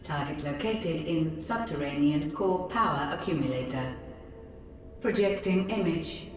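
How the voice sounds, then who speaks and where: A woman voicing a female computer system with a robotic, synthetic sound that speaks in flat, clipped announcements for a game. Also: low voice, a little slow. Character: female computer system of a tower, cold and efficient. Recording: very echoey and distant, faint noise.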